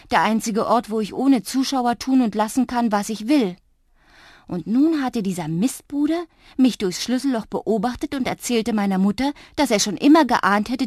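Woman narrator for a children's audiobook: expressive and intimate, with soft hushed passages, mid pitch, dry close sound. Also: no echo. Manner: expressive, dropping often to a soft hush.

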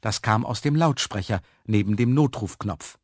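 A man reading a children's story aloud, expressive and lively. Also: on the low side, normal speed, dry recording, clean studio sound.

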